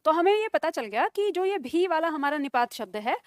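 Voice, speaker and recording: A woman teacher giving a grammar lesson, dictating example sentences slowly word by word and often checking whether her class has understood. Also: sits high, expressive, no echo, studio quality. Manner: slow dictation with repeated words, checking questions.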